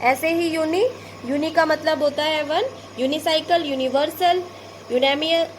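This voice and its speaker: Woman, Indian Hindi accent, high pitch, patient classroom teacher, repeats examples, slight hiss. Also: steady tone, unhurried. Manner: patient, addresses pupils as "beta", repeats and explains each example. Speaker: school English teacher. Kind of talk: classroom lesson explaining word prefixes.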